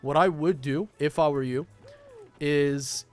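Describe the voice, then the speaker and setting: A man with a fairly high voice hosts a casual gaming stream over faint background music. He talks informally, swears freely and banters with his viewers as he plays. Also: fairly even intonation, slow, a little mellow, clean tone. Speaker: livestream host, gamer. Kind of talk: casual livestream chat while gaming.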